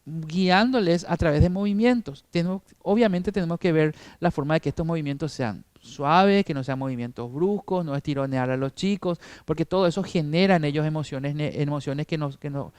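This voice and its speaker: A man's voice: a little high, brisk, hardly any pauses, darkish tone, smooth, no echo. A middle-aged man giving a training talk to church teachers, explaining step by step and asking himself questions. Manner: explanatory, repeats with rhetorical questions.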